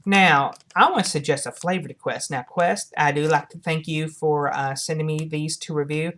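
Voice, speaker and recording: Her low voice has a fairly bright tone as she gives her viewers a casual product review. She speaks haltingly, circling back to repeat and reword phrases.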